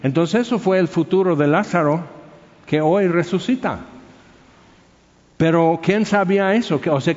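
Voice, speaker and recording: A man's voice: fairly high pitch, a little mellow. A man preaching a sermon, telling stories in a conversational way and asking the congregation questions. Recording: dull sound with long hall reverb.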